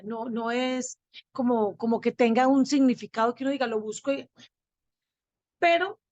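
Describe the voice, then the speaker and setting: A woman's voice: on the high side, dry recording. A woman teaching a Bible lesson to her congregation, explaining words step by step and posing rhetorical questions. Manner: explanatory, asks rhetorical questions and answers them. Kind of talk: Bible teaching with on-screen slides.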